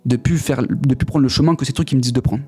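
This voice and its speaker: Rapid-talking young man, slangy testimony. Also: mid-range voice, steady tone, a little mellow, soft background music. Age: young adult. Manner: rushed, slangy storytelling with many repeats. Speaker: guest giving a testimony. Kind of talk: casual spoken testimony.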